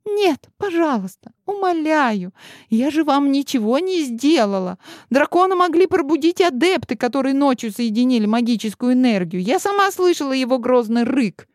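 A woman's voice: extremely high pitch, a little fast, hardly any pauses, warm tone, dry recording, studio quality, voice pushed up. A woman voicing a frightened young servant girl, pleading desperately. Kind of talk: audiobook character voice.

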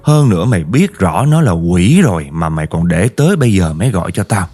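A man's voice: deep voice, big pitch swings, fairly quick, dark tone, soft background music. A man voicing a stern, threatening older exorcist who barks orders at a spirit. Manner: harsh, scolding, blunt orders.

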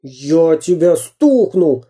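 Man doing a gruff slow pirate captain, dark voice, storybook. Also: on the high side. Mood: threatening. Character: bearded male pirate captain, gruff and dim.

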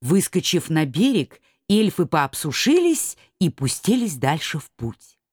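A woman narrating a children's storybook with an expressive delivery. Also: low voice, a little slow, husky, no echo, clean studio sound.

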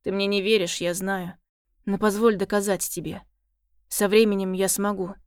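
A woman voicing a hot-tempered, remorseful middle-aged father who pleads and shouts. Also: mid-range voice, level tone, normal speed, clean tone, no room sound, clean studio sound, close to an everyday voice.

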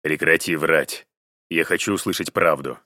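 A betrayed husband speaks in a slow, grim, very deep voice, as a male reader plays him. His words come clipped and tired. The sound is close and dry, like a read-aloud audiobook. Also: expressive, pushed and bright, dry recording. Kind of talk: audiobook character voice.

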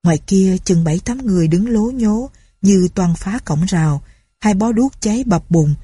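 A woman reading a story aloud in a measured, even way. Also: medium pitch, slightly rough, dry recording.

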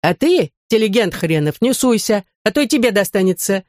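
A woman's voice: medium pitch, very animated, a little fast, darkish tone, dry recording, clean studio sound, close to an everyday voice. A woman reading an audiobook, voicing a brazen young woman who taunts the others lazily. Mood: taunting. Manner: lazy mocking taunts.

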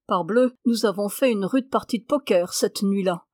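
A woman's voice: mid-range voice, moderate pace, darkish tone, no echo, natural voice. A talkative traveling gambler, a man who jokes and laughs at the card table, read by a woman in an audiobook. The voice stays close and dry, with no room around it. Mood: chatty. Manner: chatty, laughing easily.

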